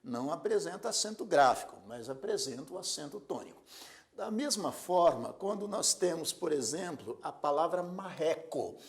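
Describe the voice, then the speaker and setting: A man teaching a grammar lesson, slowly stressing the syllables of example words. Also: a little high, expressive. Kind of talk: recorded lecture.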